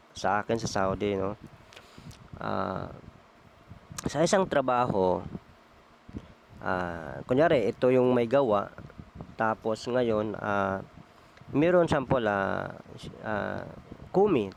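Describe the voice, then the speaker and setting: A man's voice: fairly low pitch, vocal fry, a little hiss or hum. A man preaching a conversational Bible sermon, often asking his listeners tag questions and mixing in English phrases with many hesitations. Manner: addresses listeners as brethren, asks frequent tag questions.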